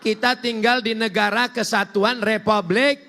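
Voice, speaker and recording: A man preaching a sermon in a large mosque, telling stories with animated swings between high and low. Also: measured pace, vocal fry. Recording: long hall reverb.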